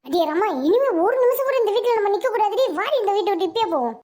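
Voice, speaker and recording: A woman's voice: extremely high pitch, animated, quick pace, a little mellow, soft background music. A woman voicing an angry, bitter aging mother in a cartoon, scolding and accusing. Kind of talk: Tamil cartoon voice acting.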